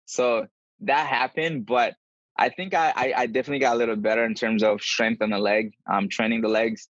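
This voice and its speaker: An endurance runner appearing as a podcast guest answers questions in a relaxed yet earnest way, recounting what he's lived through. His medium voice is steady, brisk and a bit bright, with no room sound, though the video call audio is dull and lo-fi.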